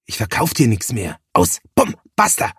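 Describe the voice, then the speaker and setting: A man's voice: on the low side, wildly swooping pitch, normal speed, husky, no room sound, studio quality, recorded from a distance, exaggerated voice. A man voicing an irritable man who hisses at someone pestering him. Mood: agitated. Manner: agitated and harsh in a loud whisper. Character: irritable man fending off a pest.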